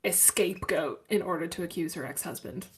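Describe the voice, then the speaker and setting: A woman's voice: fairly low pitch, brisk. A woman co-hosting a podcast in casual chat, blunt and emphatic. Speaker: podcast co-host.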